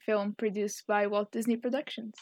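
A woman's voice: mid-range voice, level tone, moderate pace, a little mellow, dry recording. A woman in her twenties co-hosting a podcast in casual chat, with dry, blunt asides. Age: 20s. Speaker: podcast co-host.

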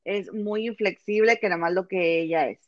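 A woman's voice: mid-range voice, moderate pace, dry recording, lo-fi sound. Chatty woman, dry close sound. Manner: chatty, storytelling, calls her friend comadre. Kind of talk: casual gossip chat.

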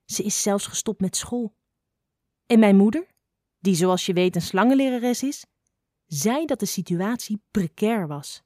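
A woman's voice: mid-range voice, lively intonation, unhurried, warm tone, no room sound, studio quality, natural voice. A woman voicing a gossipy young female snake who shares news confidingly, in a storybook reading.

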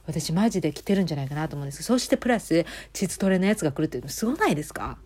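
Kansai woman, solo audio host, rapid rambling chat, lower pitch. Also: big pitch swings, a little mellow, husky. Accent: Kansai Japanese. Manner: rambling and chatty, many fillers and asides. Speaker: podcast host.

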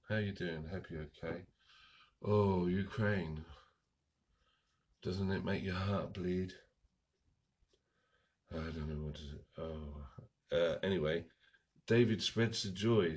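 Hoarse, husky-voiced man rambling slowly. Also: deep voice. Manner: rambling, loses his thread and restarts. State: hoarse from a cold. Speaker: book vlogger. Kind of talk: casual chat and book summary.

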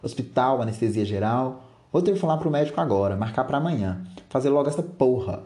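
A man voicing a short-tempered middle-aged father who shouts insults, then turns remorseful. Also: mid-range voice, expressive, a little fast, echoey room, close to an everyday voice. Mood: furious.

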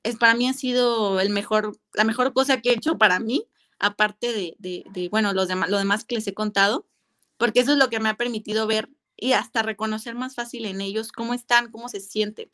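Candid woman, slightly high voice. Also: steady tone, fairly quick, a bit bright. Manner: candid, reflective, frequent fillers and restarts. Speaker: guest mother. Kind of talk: casual conversational interview.

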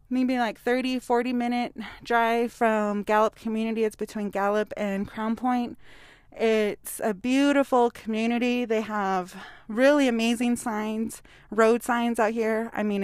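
A woman's voice: on the high side, smooth, no room sound, clean studio sound. A woman hosting a live podcast on location at an outdoor community event, upbeat and a little out of breath. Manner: enthusiastic, upbeat. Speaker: podcast host.

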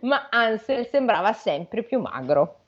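Woman reading a fairy tale, slightly high. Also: very animated, slow pace, husky, dull audio. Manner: playful, quizzing her co-host. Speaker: podcast host and storyteller. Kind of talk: reading a fairy tale aloud with joking asides.

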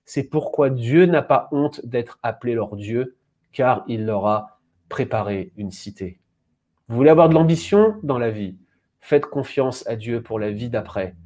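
A man in a webinar who reads a Bible passage aloud and then talks up an upcoming course. He is lively and stops often on fillers. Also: mid-range voice. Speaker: webinar speaker. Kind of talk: Bible reading then promo talk.

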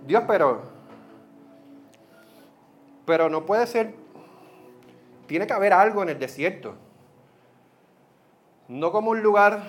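A man preaching a sermon as pastor, in a lively, conversational way that drops in English words. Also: high voice.

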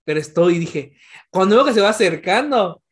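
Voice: medium pitch, animated, a little fast. A speaker with a Mexican Spanish accent, co-hosting a podcast in casual chat, telling stories animatedly with slang. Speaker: podcast co-host.

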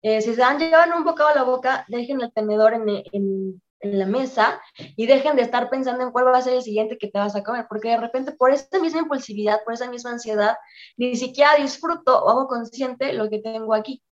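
A woman, calmly explaining and giving direct advice as the guest in an interview. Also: a little high, brisk, highs cut off. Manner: calm, explanatory, gives direct advice to listeners. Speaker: guest expert on anxiety and depression.

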